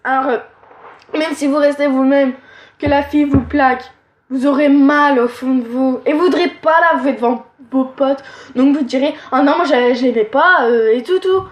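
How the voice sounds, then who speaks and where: Speaking at a normal speed in a reverberant space, a teenage girl offers blunt, rambling relationship advice in a casual monologue. Her high-pitched voice is nasal from allergies, and fillers crop up constantly.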